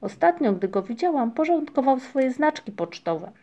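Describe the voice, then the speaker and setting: Chirpy, curious little female troll, high and light, voiced by a woman reader. Keep it soft and mellow. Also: big pitch swings, normal speed, heavily acted. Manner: bright and chirpy. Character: lively curious young female moomin creature.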